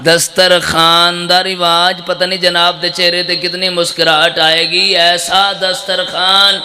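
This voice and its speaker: A man's voice: sits high, flat delivery, sharp tone. A man with a Punjabi accent giving an impassioned majlis sermon, breaking into sung lines and urging the gathering to respond. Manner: impassioned, urges the crowd to respond. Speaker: zakir, religious orator. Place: live gathering hall.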